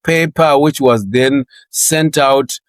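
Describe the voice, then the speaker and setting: Taking it slowly, a man from Zimbabwe in his sixties chats loosely as a career interview guest, laughing often and tripping on repeated words at the start of his thoughts. His voice is squarely mid-range for a man, recorded close and dry with no echo.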